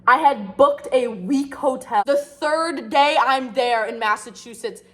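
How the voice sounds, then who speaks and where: A young woman talks straight to her audience in a casual storytime vlog. Her voice sits a little high, and she rambles with constant fillers and pokes fun at herself as she goes. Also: unhurried, fairly bright tone. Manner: rambling, filler-heavy, self-mocking. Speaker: vlogger.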